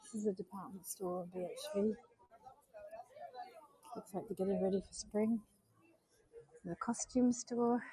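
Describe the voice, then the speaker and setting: During a casual nighttime live stream, a woman with a New Zealand accent walks outdoors through city streets, talking to her viewers in a subdued, disappointed way. Her mid-range voice is warm and husky, steady in tone, a little slow, with long pauses, and the audio is poor.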